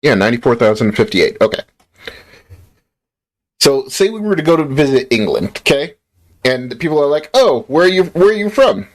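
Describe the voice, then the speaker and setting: A young man from Utah streams a game and chats casually with his viewers, rambling, playful and self-deprecating, worn out after a long shift at work. His mid-range voice is very animated, with a moderate pace and frequent pauses.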